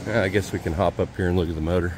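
A man's voice: deep voice, racing, very noisy. A man casually showing an old truck outdoors and in its cab, talking offhand and thinking aloud into a handheld phone camera. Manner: relaxed, offhand, thinking aloud with dry jokes. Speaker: homesteader showing his truck. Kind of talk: casual walkaround vlog.

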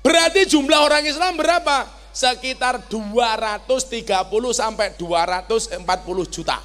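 Man, Javanese accent, high voice, animated sermon, joking asides, shouted exhortations. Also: moderate pace, in a large hall, faint music behind. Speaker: preacher. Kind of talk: religious sermon to a large gathering.

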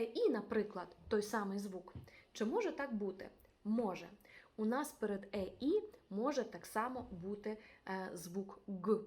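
A woman with a Ukrainian accent gives a video language lesson. Her voice sits at a middle pitch. She works patiently, saying each example word twice so it sinks in. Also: fairly bright tone. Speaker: language teacher.

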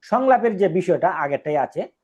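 A male language teacher talks in a high voice that swings up and down a great deal. He explains each point step by step and repeats phrases for his students. The recording sounds dull and lo-fi. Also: big pitch swings, moderate pace, darkish tone.

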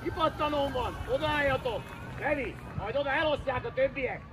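A man coaching a youth football match, shouting urgent, commanding instructions from the sideline and repeating names and orders. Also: very high-pitched, background noise. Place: outdoor football pitch.

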